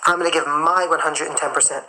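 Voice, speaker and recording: A man's voice: a little high, steady tone, fast talker, pushed and bright, rough recording. A man who is a singer and performer, hosting a live stream and giving a motivational talk while chewing gum. He stresses his points and repeats key phrases. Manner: chews gum while talking.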